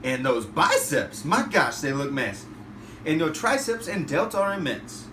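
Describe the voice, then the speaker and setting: A man's voice: a little high, sing-song, unhurried. A man voicing a bold, suspicious little girl from a storybook, exclamatory and challenging. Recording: roomy, distant, noisy home recording.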